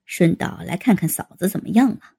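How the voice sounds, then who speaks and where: A woman voicing an easygoing man in his forties in a read-aloud story, her voice dropped low and gravelly. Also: brisk, heavily acted. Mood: amused. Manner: laughing, relaxed. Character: 43-year-old man, easygoing businessman.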